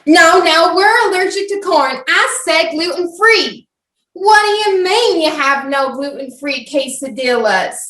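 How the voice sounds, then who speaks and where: A woman playing a shrill entitled customer. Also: expressive, a little slow, a bit bright, exaggerated voice. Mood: indignant. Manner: shrill, indignant, complaining. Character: entitled demanding middle-aged woman customer. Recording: roomy, distant mic.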